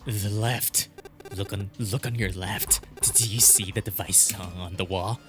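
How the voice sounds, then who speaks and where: A man voicing a scrawny, nervous, menacing villain in a game, with stammering, halting, drawn-out threats. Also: fairly low pitch, fairly even intonation, lightly acted. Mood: threatening. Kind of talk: amateur voiced playthrough of a visual novel. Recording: music behind the voice.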